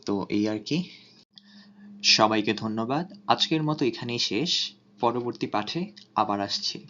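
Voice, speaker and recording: A man teaching a pronunciation lesson, saying each word slowly and deliberately, broken into parts. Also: mid-range voice, fairly bright tone, a little hiss or hum. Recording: dull lo-fi recording.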